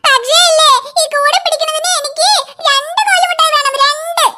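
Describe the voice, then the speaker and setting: A cheeky young girl in a cartoon who whines and haggles for sweets, as a woman puts her on. Her voice is pitched far above even the narrator's high tone. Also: moderate pace. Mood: whiny. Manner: whiny, bargaining.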